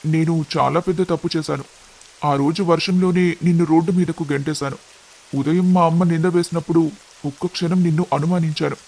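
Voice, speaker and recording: A man voicing an earnest, devoted young husband in an animated family story, speaking with strong emotion. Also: on the high side, brisk, vocal fry.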